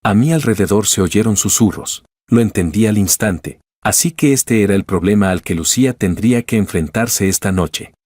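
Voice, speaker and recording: A man narrating a first-person story in an even, scripted storytelling delivery. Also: fairly low pitch, moderate pace, hardly any pauses, no echo, clean studio sound.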